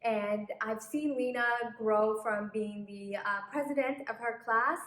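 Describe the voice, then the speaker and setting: A woman's voice: a little high, measured pace, a bit bright. A woman in her late twenties hosting a casual interview for her channel, friendly and chatty, with lots of fillers. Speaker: channel host. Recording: echoey room.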